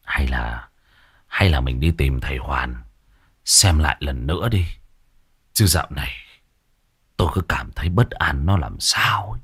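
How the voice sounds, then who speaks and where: A man voicing a frightened old village man who stammers in a low, uneasy voice. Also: very animated, a little slow, pauses often, husky, no echo, clean studio sound, heavily acted. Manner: stammering, fearful.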